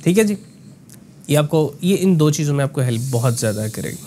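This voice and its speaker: A man coaching voice work in a relaxed, explanatory conversation, often slipping English phrases into his talk. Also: a little high, a little fast, a little hiss or hum. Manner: explanatory, mixes in English phrases, frequent "ना" tags. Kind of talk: conversational voice lesson.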